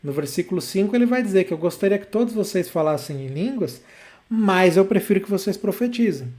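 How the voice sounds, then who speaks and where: High-voiced man teaching a Bible class. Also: mellow. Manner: emphatic, repeats key points. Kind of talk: church Bible lesson.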